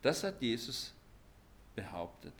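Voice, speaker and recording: Lively preacher man. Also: medium pitch, measured pace, a little hiss or hum. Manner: lively, emphatic, shifts between loud stresses and quiet asides. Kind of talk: sermon.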